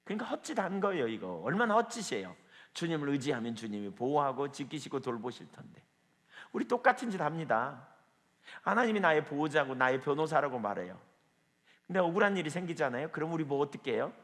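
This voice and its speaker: A man's voice: on the high side, big pitch swings, quick pace, a bit bright, big-room sound. A man preaching a sermon as pastor at a small evening prayer meeting, emphatic and firing rhetorical questions at the listeners.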